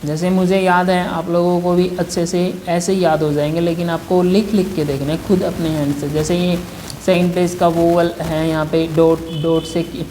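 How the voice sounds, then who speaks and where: A man's voice: a little high, level tone, moderate pace, warm tone, slight background noise. A man teaching a shorthand lesson, patiently walking through examples step by step and repeating himself. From India. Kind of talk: classroom lesson.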